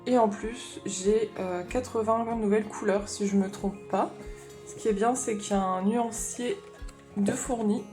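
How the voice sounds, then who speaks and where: A woman talks through her new craft supplies in a relaxed haul vlog, explaining each choice as she thinks it over. Her voice is warm and mellow at a middle pitch. Light guitar music plays faintly behind her. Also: a little slow. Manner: chatty and explanatory, thinking aloud. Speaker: craft vlogger. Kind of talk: casual haul chat.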